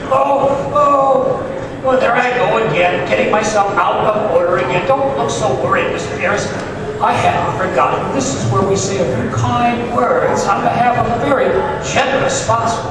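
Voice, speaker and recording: A man's voice: very high voice, background noise. Doctor Watson, a rambling genial old storyteller played by a man. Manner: chatty, digressive, loses his thread. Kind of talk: live staged 1940s radio drama. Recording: echoey hall, distant mic, live audience.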